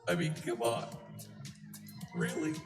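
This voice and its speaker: A live coding streamer talking through a voice changer that shifts the voice deep, chatting casually with a wry, self-deprecating manner. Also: takes it slowly. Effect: deep pitch-shifting voice changer. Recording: roomy sound with music behind. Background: background music.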